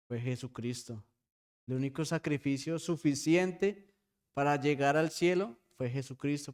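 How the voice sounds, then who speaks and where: A male pastor delivers a sermon to his church, speaking in a somewhat high register. His voice is smooth and resonant. He keeps pausing to ask the congregation a quick "yes?" and addresses them as brothers. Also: a little mellow. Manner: preaching with frequent rhetorical "¿sí?" checks.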